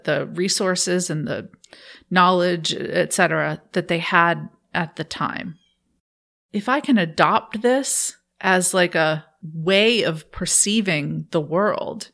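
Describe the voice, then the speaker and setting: Slow, gravelly-voiced woman telling a story. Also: lowish voice. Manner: warm, thoughtful, laughs often. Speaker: guest. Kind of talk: reflective interview storytelling.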